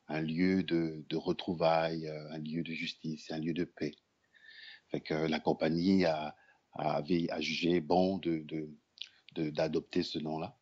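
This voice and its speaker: A man's voice: rumbling low, darkish tone, dull audio. A man from the Republic of the Congo, an actor, puppeteer and storyteller, answering interview questions hesitantly with many fillers and restarts.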